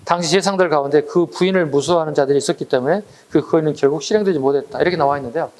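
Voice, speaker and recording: A middle-aged man teaching a history exam-prep class online, lively and blunt, firing rhetorical questions at his students. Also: a little high, racing. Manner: acts out quarrels in slangy voices. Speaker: history lecturer.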